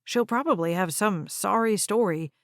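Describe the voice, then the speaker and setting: A greedy, scheming man, voiced by a woman narrator, smooth and pushy in his speech. It is a dry, close audiobook recording. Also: mid-range voice, moderate pace, no echo, lightly acted. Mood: insistent.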